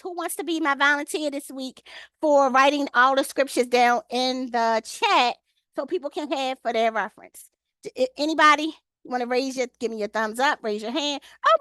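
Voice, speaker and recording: A woman's voice: high voice, sharp tone, dry recording. A woman leading an online Bible study on a video call. She reads scripture aloud, then talks with the group and calls on them by name.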